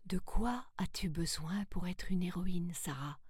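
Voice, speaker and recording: A woman voicing a kind magical flying creature in a storybook, speaking softly and slowly in a hushed voice. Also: fairly low pitch, husky, dry recording, clean studio sound. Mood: gentle. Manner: soft, hushed, slow voice.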